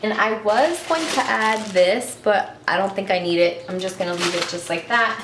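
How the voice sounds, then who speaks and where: A woman vlogger chatting casually in her home kitchen, relaxed and often trailing off quietly. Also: mid-range voice, normal speed. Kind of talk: casual chat. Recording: roomy kitchen echo, faint noise.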